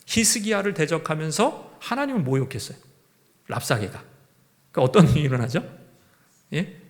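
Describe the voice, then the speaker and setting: A man's voice: on the high side, big pitch swings, normal speed. A male pastor preaching a sermon in a conversational way, asking the congregation question after question.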